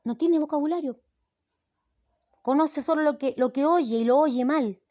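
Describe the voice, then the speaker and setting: A woman's voice: sits high, measured pace, dark tone, no echo, highs cut off. Chilean woman teaching a language lesson. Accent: Chilean Spanish. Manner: explanatory, with frequent "¿ya?" check-ins. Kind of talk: recorded lesson.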